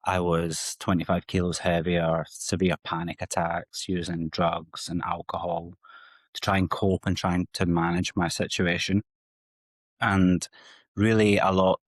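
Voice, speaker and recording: A man's voice: low-pitched, no room sound. A Scottish man from the west coast, a psychotherapist speaking openly and reflectively about his own past as a guest on an interview podcast. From Scotland. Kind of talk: candid personal interview.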